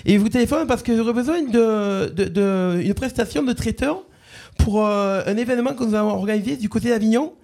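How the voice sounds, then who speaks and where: A man putting on a stammering high-voiced office manager. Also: a little fast, creaky, a little mellow. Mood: bumbling. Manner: stammering, hesitant, repeats words. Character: bumbling male corporate communications manager. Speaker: prank caller, radio host. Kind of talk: prank phone call.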